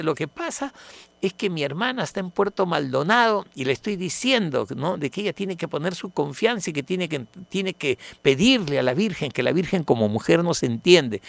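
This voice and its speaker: A man's voice: high voice, vocal fry, no room sound. A man on the radio, telling a devotional story in a reflective way and repeating words for emphasis.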